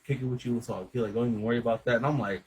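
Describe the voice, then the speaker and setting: A man telling a rambling, animated story in casual chat, swearing a lot and acting out what everyone said. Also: medium pitch, racing, heavy background noise. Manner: rambling, animated retelling with lots of swearing and quoted dialogue.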